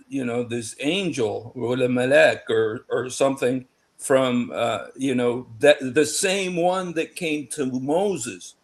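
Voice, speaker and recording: On a casual online panel, an American-raised guest with a mid-range voice gets emphatic and excited. He keeps restarting his sentences and repeating words.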